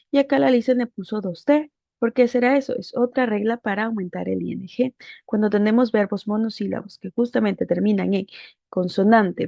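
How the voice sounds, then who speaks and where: A woman's voice: mid-range voice, gravelly, warm tone, no room sound, muffled recording. A woman teaching English grammar, patiently walking through a worksheet and often checking with rhetorical questions.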